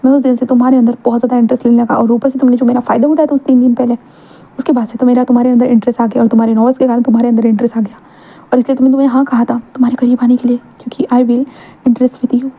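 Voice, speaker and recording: A woman voicing a calm, reserved young male bodyguard in an even, earnest delivery. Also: a little high, very fast. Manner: steady, earnest, plain delivery.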